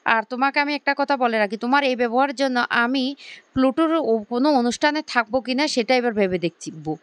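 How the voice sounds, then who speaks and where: A woman's voice: on the high side, fast, fairly bright tone, smooth, no echo, close to an everyday voice. A woman reading the lines of a stern man in a family story. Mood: scolding. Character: stern man standing up for his ex-wife.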